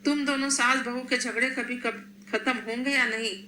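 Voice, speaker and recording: A woman's voice: a little high, steady tone, normal speed, pushed and bright, a little hiss or hum. A woman voicing a weary, firm young father in a storybook reading, in an echoey room. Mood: exasperated. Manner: firm, reproachful.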